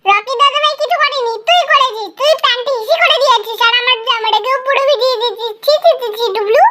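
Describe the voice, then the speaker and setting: A woman voicing a bossy little girl in a doll cartoon, scolding and giggling in shrill bursts. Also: fast talker, noisy background. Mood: mocking.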